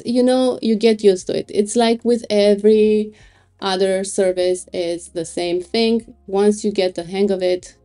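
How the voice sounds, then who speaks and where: A woman reviewing web hosting plans over a screen recording, thinking aloud in an unhurried way with small laughs. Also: mid-range voice, dark tone. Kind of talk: screen-recorded product walkthrough.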